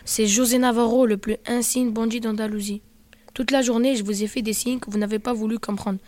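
A woman's voice: fairly high pitch, fairly even intonation, fairly quick, no room sound, natural voice. A woman voicing a fearful male guide who urgently warns about a bandit in an audio drama reading. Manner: hushed and urgent warnings.

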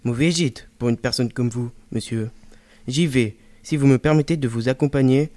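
A man's voice: mid-range voice, moderate pace, dark tone, dry recording, lightly acted. A man voicing a proud, brooding Spanish bandit who speaks brusquely in an audio drama reading. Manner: proud, brusque, sometimes gloomy.

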